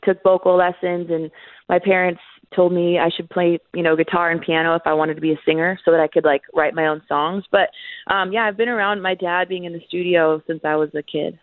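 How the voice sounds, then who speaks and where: A woman in her thirties, a guest musician, answering interview questions in a relaxed, chatty way that leans on filler words. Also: lowish voice, brisk, dry recording. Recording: tinny phone-line audio.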